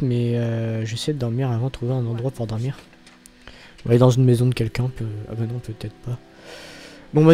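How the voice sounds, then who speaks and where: A young man talks through his gameplay in a relaxed, rambling way, swearing casually and waving points off with a quick "anyway". His voice is soft and mellow. Faint game music sits behind him. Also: mid-range voice. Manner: rambling, swears often, trails off with "bref". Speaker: gaming channel host. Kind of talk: casual let's-play commentary.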